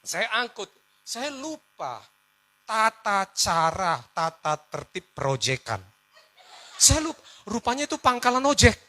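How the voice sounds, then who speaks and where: Animated, bright-voiced male preacher. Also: high-pitched, takes it slowly. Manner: animated storytelling, switching between shouts and hushed tones, laughing along. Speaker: pastor. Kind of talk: sermon with a personal story.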